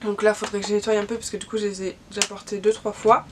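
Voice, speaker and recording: A young woman vlogger with a cold chats casually while showing off her gifts in a haul video, talking over loud music. Her voice is medium-pitched and level, her pace quick, and she uses lots of fillers and restarts.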